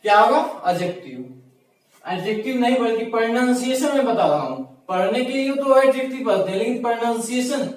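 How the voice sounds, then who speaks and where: A man's voice: extremely high pitch, fairly quick, few pauses. A man teaching a grammar lesson, explaining patiently, repeating key words and asking himself rhetorical questions. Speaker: English teacher. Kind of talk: classroom-style grammar lesson. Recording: echoey room, mic far from speaker.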